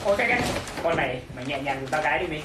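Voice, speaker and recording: A young man hosts a casual unboxing at a quick clip, sometimes reading aloud. His voice carries room echo and sits some way from the mic, with noise behind it. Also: a little high, expressive. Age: young adult. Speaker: vlog host. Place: small decorated indoor room. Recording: roomy echo, distant mic, clear background noise.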